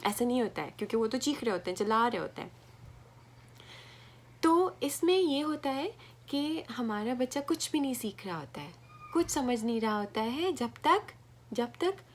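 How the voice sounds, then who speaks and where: A woman's voice: fairly high pitch, slight background noise. A woman with a Pakistani Urdu accent giving an informal parenting talk in a conversational way, often checking in with the listener. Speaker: parenting educator.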